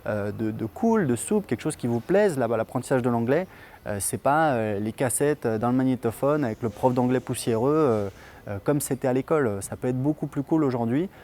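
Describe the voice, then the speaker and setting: A man whose first language is French, hosting a relaxed spoken lesson on his channel. He talks in a loose, chatty way, stopping often to hesitate and restart. His voice sits at an ordinary mid pitch. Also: brisk, slight background noise. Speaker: English teacher and channel host. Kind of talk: casual spoken lesson to camera.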